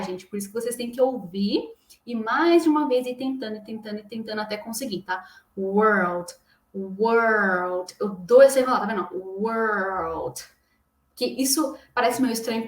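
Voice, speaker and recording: A young Brazilian woman with a Brazilian Portuguese accent, teaching an English pronunciation lesson in a lively, encouraging way and talking straight to the viewer. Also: fairly high pitch. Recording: echoey room.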